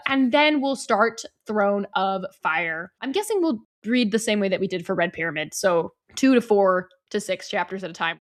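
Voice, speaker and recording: A woman co-hosting a podcast in casual chat, playful and quick to laugh. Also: medium pitch. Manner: playful, giggly, bubbly. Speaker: podcast co-host.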